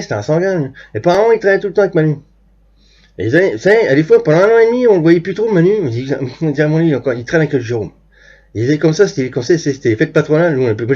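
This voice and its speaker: Fast, rough-voiced male storyteller, crude and digressive; dull lo-fi recording. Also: fairly high pitch, a little mellow. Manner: crude slangy storytelling, constant asides and restarts. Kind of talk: rambling anecdote told to camera.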